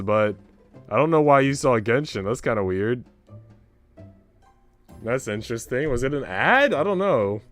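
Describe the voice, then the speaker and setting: A live streamer with a mid-range voice chats casually, using slang and swearing, while reading a visual novel aloud. Music plays softly behind him.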